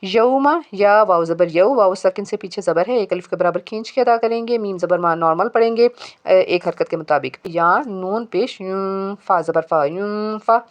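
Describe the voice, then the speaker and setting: A woman teaching Quran recitation rules, spelling out letters and vowel marks and then reciting each phrase slowly and drawn out. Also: medium pitch, muffled recording. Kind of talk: step-by-step recitation lesson.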